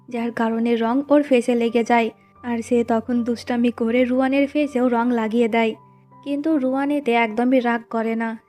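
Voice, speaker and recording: Woman narrator, higher-pitched and mellow, plain story recap with faint music underneath. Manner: plain recounting, reads quoted lines in the same voice.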